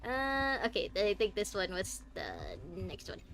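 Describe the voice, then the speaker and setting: A young woman streaming a game, chatting to viewers with lots of laughter and excited reactions. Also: mid-range voice, unhurried, a little hiss or hum. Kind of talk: live gameplay commentary.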